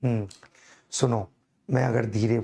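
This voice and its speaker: A man, hoarse from a throat infection, teaching a live online chemistry class slowly and coaxingly, calling students "beta". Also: mid-range voice, steady tone, warm tone. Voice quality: gravelly, echoing double voice. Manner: slow, coaxing, calls students "beta", laughs at himself.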